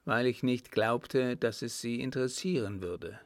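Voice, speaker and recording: A man voicing a calm, composed servant and former soldier who answers with quiet mockery in an audiobook reading. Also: medium pitch, measured pace, no room sound, studio quality, close to an everyday voice. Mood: cool mocking. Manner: calm, composed, faintly mocking. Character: cool-headed male ex-soldier servant, calm and mocking.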